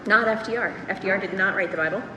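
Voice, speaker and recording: A woman's voice: medium pitch, fast talker, noisy background. A woman co-hosting a satirical comedy chat, talking in a sarcastic, mock-sincere way. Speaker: podcast co-host. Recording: roomy reverb with loud music behind.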